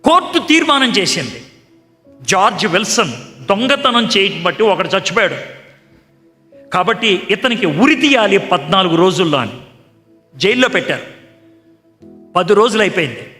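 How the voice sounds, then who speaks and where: A man's voice: high-pitched, big pitch swings, moderate pace, long pauses, bright, forceful tone. A man preaching a sermon, telling stories and acting out the dialogue in them. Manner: acts out dialogue in his stories. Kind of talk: sermon storytelling. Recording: echoey hall, faint music behind.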